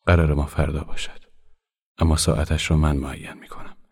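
A man doing a shy, ardent male painter from a spoken storybook, who murmurs his confessions in a hushed, breathy voice. The voice is very deep and husky, with little rise and fall. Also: level tone, exaggerated voice. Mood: tender.

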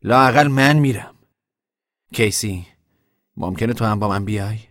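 An earnest, stubborn young drifter, played by a man in a radio play, talking insistently. His voice sits low-ish, with dry, close studio sound. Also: fairly bright tone, no echo, close to an everyday voice. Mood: hopeful. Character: young male drifter, stubborn yet hopeful. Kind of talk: radio drama acting.

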